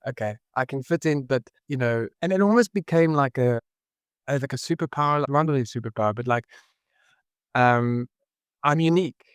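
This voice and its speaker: With a clear, resonant, medium-pitched voice, this South African man muses as a guest in a reflective podcast interview, often pausing to find his words. His South African accent comes through on a clean studio recording without echo.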